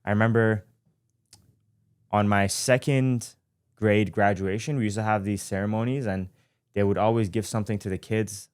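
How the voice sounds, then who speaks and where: On his own show, a twenty-something Iranian man reflects on his life in a laid-back, personal way, often pausing, using fillers and correcting himself. His pitch is fairly low and his tone clean, captured in a clean studio with no room sound.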